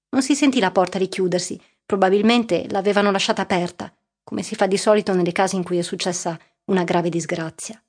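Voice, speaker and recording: A woman narrating a literary audiobook in a measured, steady reading voice. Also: mid-range voice, husky.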